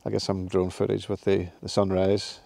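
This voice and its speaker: A man's voice: sits low, monotone, normal speed, vocal fry, mellow, no room sound. A man in his fifties chatting to a handheld camera on a windy mountain summit, laughing often and joking at his own expense. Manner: chatty, laughs often, self-deprecating jokes. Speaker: outdoor vlogger. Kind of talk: casual vlog to camera. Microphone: phone camera held at arm's length.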